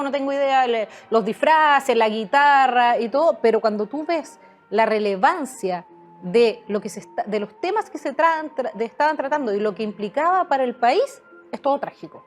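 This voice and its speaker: A woman's voice: sits high, expressive, normal speed, soft background music. A woman answering interview questions as a guest author, hesitating often with fillers and restarts.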